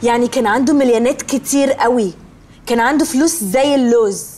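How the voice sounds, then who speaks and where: A woman's voice: fairly high pitch, fast talker, mellow, natural voice. An actress with an Egyptian accent playing a fussy, pretentious young woman who sprinkles English words into her speech. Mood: snooty. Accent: Egyptian Arabic. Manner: snooty, mixes in English words. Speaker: sitcom character. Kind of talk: sitcom acting.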